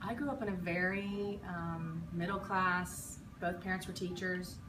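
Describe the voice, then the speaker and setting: A woman's voice: on the low side, steady tone, unhurried. Woman in her 40s from western pennsylvania reminiscing, rambly with lots of ums, far off mic in an echoey noisy room. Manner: reflective, rambling with frequent ums and restarts. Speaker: interviewee, teacher. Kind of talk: casual recollection in an interview. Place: school building.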